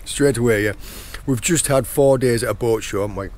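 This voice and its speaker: A middle-aged channel host and foraging guide talks casually while foraging on a rainy, rocky shore, pointing things out as he goes. His voice is hoarse and croaky from a sore throat, mid-pitched and darkish, and he chats a little fast. A faint hiss runs underneath.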